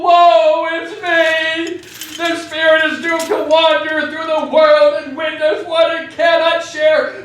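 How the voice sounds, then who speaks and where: An actor playing the mournful, doomed ghost of a dead business partner in a live radio drama, with slow, theatrical, wailing delivery. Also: male voice, very high-pitched, a bit bright, heavily acted. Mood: anguished wailing. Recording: very echoey hall, far from mic.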